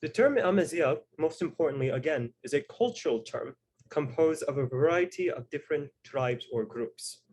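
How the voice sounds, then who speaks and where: A man hosting a video call discussion, explaining at a measured pace with frequent fillers. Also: a little high, lively intonation, darkish tone, a little hiss or hum. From Tuareg heritage. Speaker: host and moderator.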